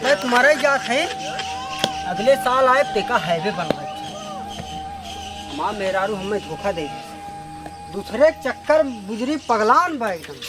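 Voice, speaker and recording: Man as a belligerent drunk village husband, Awadhi accent, drawn-out rambling speech, self-pitying threats, rural comedy, loud music underneath. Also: high-pitched, sing-song, rough recording. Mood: self-pitying, defiant. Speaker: comic actor in a village skit. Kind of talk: broad rural comedy acting.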